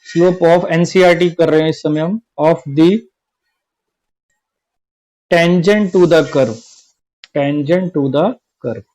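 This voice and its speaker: A man's voice: fairly high pitch, steady tone, extremely slow, pauses often, a little mellow, low-quality recording. A man teaching a class-twelve maths lesson online, working through each step and repeating the key points. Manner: explains step by step, repeats each point, often says "theek hai".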